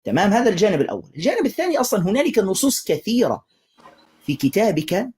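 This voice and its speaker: A man hosting a live religious debate stream, lecturing forcefully and cutting in to taunt a caller. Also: sits high, huge pitch swings, racing, husky.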